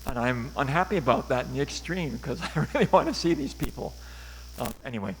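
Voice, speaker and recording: A man asking a question over a call connection that keeps breaking up and dropping out, talking hesitantly with many filler pauses. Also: medium pitch, animated, big-room sound, slight background noise, poor audio. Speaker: caller asking a film critic questions. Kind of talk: casual question from a participant.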